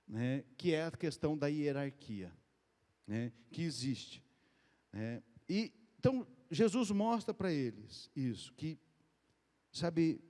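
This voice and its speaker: A man preaching to his congregation in a loose, conversational way, often lifting his voice and quickening. His voice sits fairly high for a man. The sound carries a long hall reverb from the church room. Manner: conversational, addresses the congregation as "queridos" and "gente"; lively, often rises in pitch and speeds up. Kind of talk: sermon.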